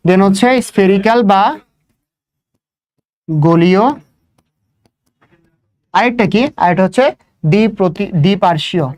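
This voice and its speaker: A man's voice: high-pitched, a little slow, long pauses, a little mellow. A young man giving an exam coaching lecture on biology. He asks the class questions, answers them himself, and repeats key points. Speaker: biology teacher.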